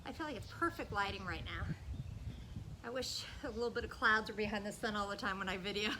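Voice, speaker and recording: Out in a backyard garden, a woman aerobics instructor coaches a workout, encouraging and counting down as she exercises along. She talks fast in a medium-pitched voice, and the outdoor recording is noisy with ambient sound.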